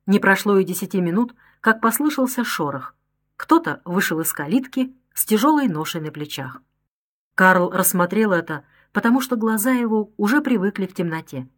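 Lady reading an old adventure novel out loud, dramatic, expressive. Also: medium pitch, normal speed. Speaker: audiobook narrator. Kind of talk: scripted narration.

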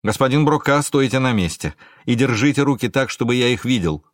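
A man's voice: mid-range voice, animated, normal speed, no room sound, clean studio sound, natural voice. A male reader voicing a firm male police officer who gives clipped orders to a suspect. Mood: commanding.

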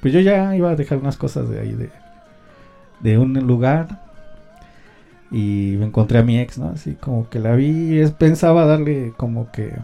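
Faint music plays behind a Mexican man as he rambles through a personal story on his homemade radio show. His voice is medium in pitch, expressive and mellow, with vocal fry and a normal speed, and his Mexican Spanish is slangy and loaded with fillers and tag questions.

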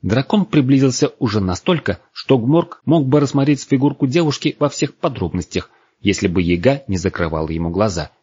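Male audiobook narrator; husky, lively expressive reading, dull dry sound. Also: mid-range voice, fairly quick, hardly any pauses, dry recording. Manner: expressive storytelling. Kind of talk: scripted narration.

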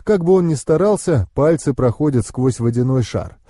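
Dark-voiced male audiobook narrator. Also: medium pitch, animated, moderate pace, dry recording, clean studio sound. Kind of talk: first-person audiobook narration.

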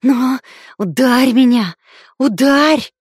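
A woman's voice: on the high side, lively intonation, extremely slow, darkish tone, dry recording, heavily acted. A woman reader voicing a hysterical young woman who screams and hisses in frantic outbursts, recorded on a close, dry mic.

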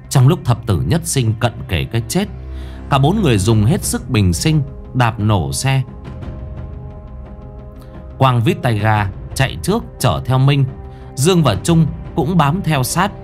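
A man's voice: mid-range voice, a little mellow. A man narrating a ghost story in a dramatic storytelling manner.

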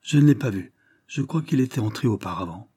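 A man's voice: mid-range voice, expressive, brisk, mellow, breathy edge, dry recording, clean studio sound. A man voicing a sly, ragged young boy who pleads and wheedles. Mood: pleading.

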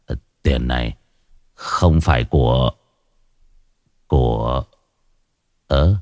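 A man voicing a sick, gruff older brother who coughs and groans. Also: very deep voice, animated, a little slow, pitched below the performer's own voice, heavily acted. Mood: sick grumbling.

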